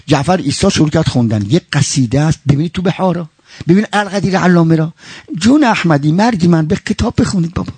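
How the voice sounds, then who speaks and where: Male preacher, mourning sermon, high voice, dry sound, impassioned, wide swings in tone. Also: animated, a little mellow, slightly rough, no room sound. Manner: impassioned, sweeping swings between high and low; swears oaths and quotes Arabic.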